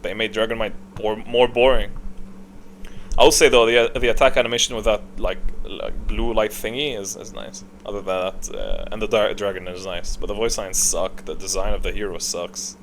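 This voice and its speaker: Speaking at a normal speed with a fairly low, fairly even voice, a man streams video games and ranks them into tiers, offering blunt, off-the-cuff opinions and swearing now and then. The audio is poor, and background noise can be clearly heard.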